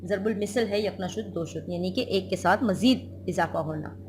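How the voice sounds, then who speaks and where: A woman's voice: mid-range voice, normal speed, background noise. A woman school teacher giving a recorded lesson, explaining a literature text by repeating and glossing words.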